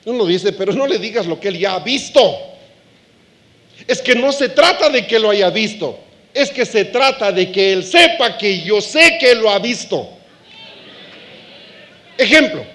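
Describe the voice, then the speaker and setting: A man preaching a sermon to a live congregation, animated, acting out quoted voices and laughing along with the audience. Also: high voice.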